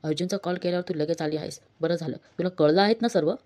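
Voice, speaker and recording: A woman's voice: lowish voice, steady tone, fast, a little mellow, close to an everyday voice. A woman voicing an older family head who plots and explains, read in her own voice. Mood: scheming. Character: older father figure, plotting, grand.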